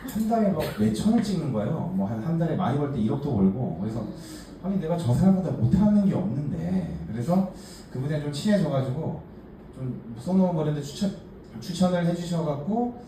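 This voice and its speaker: A man's voice: a little high, sing-song, a little fast, warm tone. A man in his forties from Gangneung, telling his own life story to a group in a chatty, self-mocking way with many fillers. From Gangneung, Gangwon Province, South Korea. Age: 40s. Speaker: case presenter at a workshop. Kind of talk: personal story talk to a group. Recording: echoey room, distant mic, faint hiss.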